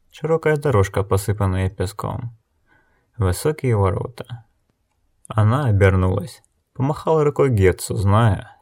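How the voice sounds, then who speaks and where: Guy reading an audiobook, lowish voice, even and measured. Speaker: audiobook narrator. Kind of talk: scripted narration.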